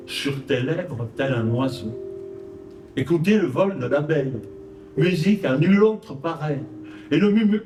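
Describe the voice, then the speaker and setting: A man with a Provençal accent recites his verse on stage, each line measured and rhythmic. His speech is unhurried and his voice sits a little high. A zither plays clearly behind him, and the recording is roomy and picked up from a distance. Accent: Provençal French. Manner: measured, rhythmic verse delivery with brief spoken introductions. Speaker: poet. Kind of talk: live poetry recital. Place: stage at an art exhibition. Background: zither accompaniment.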